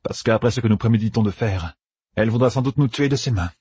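A man's voice: medium pitch, fast talker, a little mellow, slightly rough, dry recording, voice pushed up. A man voicing a brusque, proud older woman who was once a leader, curt and commanding.

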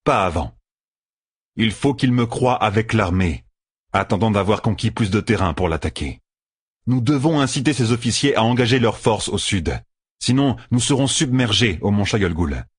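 A man voicing a resolute young hero who speaks calmly and firmly. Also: on the low side, normal speed, breathy edge, no room sound, clean studio sound. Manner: calm, firm. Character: resolute young male hero, calm and firm.

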